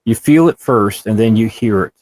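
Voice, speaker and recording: A man's voice: fairly low pitch, normal speed, a little mellow. A man in his sixties co-hosting a casual chat, telling long, earnest personal stories in a rambling way. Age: 60s.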